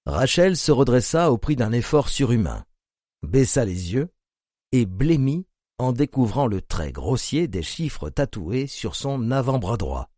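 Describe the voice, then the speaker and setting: A male narrator reads a grim novel in a grave, measured manner. His voice is warm and dark with an animated pitch line, recorded dry and close. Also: no room sound. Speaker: audiobook narrator. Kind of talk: scripted narration.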